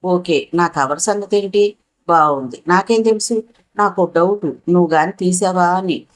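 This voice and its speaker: A woman's voice: fairly low pitch, unhurried, close to an everyday voice. Woman voicing an anxious, indignant young woman. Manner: anxious, sharp.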